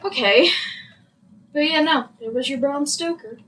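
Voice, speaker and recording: A woman's voice: sits high, unhurried, a bit bright. A young woman chatting casually while playing a video game, blunt and profane, with a jokey edge. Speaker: let's play host. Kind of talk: casual gameplay chat. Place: home room while it rains. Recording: distant mic with faint noise.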